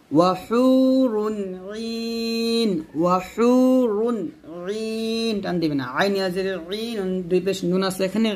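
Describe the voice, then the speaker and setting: A man teaching Quran reading, reciting Arabic words slowly and drawing out the syllables, then explaining the pronunciation rules step by step. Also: high-pitched. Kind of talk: tajweed recitation lesson.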